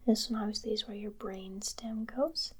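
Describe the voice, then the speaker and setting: A woman doing a whispered role-play in ASMR style, guiding the listener gently in a breathy whisper. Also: mid-range voice, fairly even intonation, moderate pace. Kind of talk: whispered ASMR role-play, a soothing brain-cleaning session.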